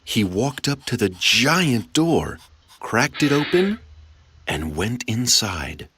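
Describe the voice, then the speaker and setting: An expressive storyteller reading a fairy tale aloud, pausing for drama. The delivery is unhurried with a very lively pitch, recorded close and dry. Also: breathy edge, dry recording.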